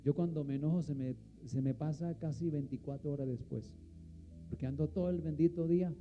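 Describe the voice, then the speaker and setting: A man's voice: fairly high pitch, fairly even intonation, brisk, highs cut off, faint music behind. A man preaching a sermon, asking the congregation questions and answering them himself. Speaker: pastor.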